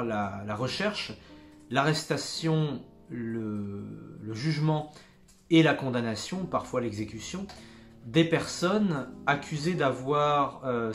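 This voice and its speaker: A man giving a casual spoken book review, pausing often and restarting his sentences. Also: mid-range voice. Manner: hesitant, many fillers and restarts; jokes about his own English accent.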